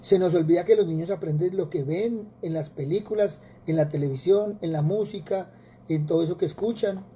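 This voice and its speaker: A man's voice: high-pitched, a little fast, dark tone, a little hiss or hum. A man with a Colombian Spanish accent preaching a sermon, earnest, with repetitions and rhetorical questions.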